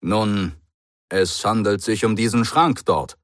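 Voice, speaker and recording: A man's voice: fairly low pitch, slow, no echo, clean studio sound. A man voicing a stiff, dutiful middle-aged military brigadier who speaks in a clipped, formal, commanding way. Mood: puzzled.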